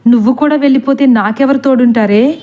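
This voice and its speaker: A woman's voice: high voice, fairly quick, mellow, close to an everyday voice. A woman voicing an irritable, bossy elderly grandmother in a storybook horror tale, scolding and snapping at a servant.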